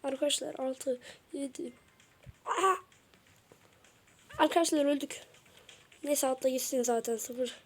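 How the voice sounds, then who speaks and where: A woman narrates her game in a high voice, chatting to viewers in loose slang. She draws her words out slowly and repeats phrases again and again as she reacts. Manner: excitable, repeats phrases in bursts; slangy casual talk to viewers. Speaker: gamer. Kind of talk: let's play commentary.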